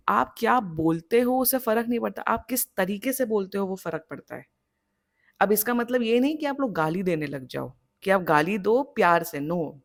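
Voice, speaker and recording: This is a young woman with an Indian accent giving a tarot reading in an easygoing, conversational way. She talks like a friend handing out advice, lively and expressive, and mixes English phrases into her sentences. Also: medium pitch. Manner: chatty and animated, mixing Hindi with English phrases. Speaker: tarot reader. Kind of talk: casual tarot reading monologue.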